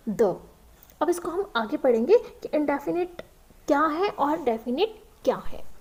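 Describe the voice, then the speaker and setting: A woman's voice: high-pitched, darkish tone. A woman teaching English grammar, explaining in a classroom style and asking and answering her own questions.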